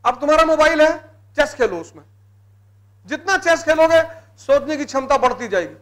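In a live classroom session, a high-pitched civil services exam teacher with a North Indian Hindi accent lectures in an emphatic, motivational style, mixing in English terms. He repeats single key words to hammer them home, his bright, forceful voice moving at a moderate pace with lively intonation.

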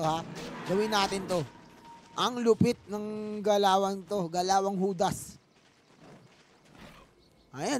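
A young man with a Filipino accent giving excited, joking live game commentary, mixing in English phrases. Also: high voice, a little hiss or hum. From Philippines. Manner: joking, playful, mixes English phrases, bursts into excited yells. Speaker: esports commentator.

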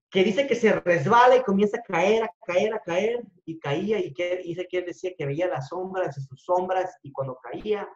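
Man with a somewhat high voice giving an animated motivational talk to a room, recorded echoey and muffled. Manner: animated, shifts between loud and hushed. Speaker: speaker at a business talk. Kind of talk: motivational storytelling to an audience. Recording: echoey room, dull lo-fi sound.

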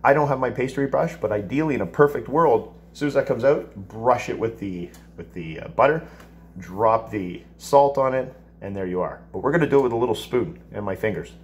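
Middle-aged guy teaching in his home kitchen, mid-pitched voice, camera across the counter. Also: brisk. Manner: relaxed, chatty, explains step by step. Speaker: cooking teacher. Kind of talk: casual cooking demonstration.

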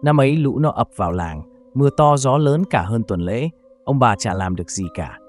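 A man narrating a scripted horror story in a steady storytelling delivery. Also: mid-range voice, normal speed, faint music behind.

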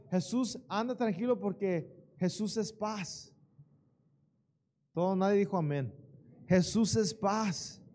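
High-voiced man preaching a slow sermon. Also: dark tone. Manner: preaching with call-and-response to the congregation. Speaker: pastor. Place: church sanctuary.

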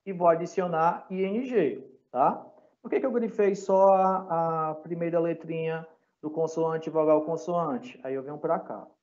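A man's voice: a little high, unhurried, darkish tone, dull audio. A man with a Brazilian Portuguese accent teaching an English lesson to a class, patiently spelling out letters and checking in constantly to see that students follow. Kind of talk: recorded online class lesson. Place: classroom or home for a live online class.

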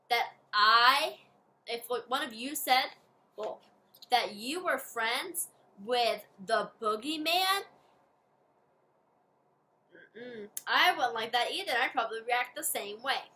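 A woman's voice: fairly high pitch, lively intonation, slow pace, long pauses, pushed and bright. A woman teacher giving a read-aloud reading lesson to children, explaining step by step in a friendly way.

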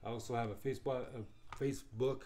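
A man hosting his gaming channel, chatting casually and thinking aloud as he plays, his voice slightly hoarse. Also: medium pitch, steady tone, fairly quick, dark tone, a little hiss or hum. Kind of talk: casual gameplay commentary.

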